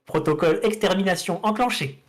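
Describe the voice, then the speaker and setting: A man, the game master of a tabletop game, voicing a menacing security robot in a slow, clipped half robot voice. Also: sits high, voice pushed up, lightly acted. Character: cold menacing security robot, sexless machine.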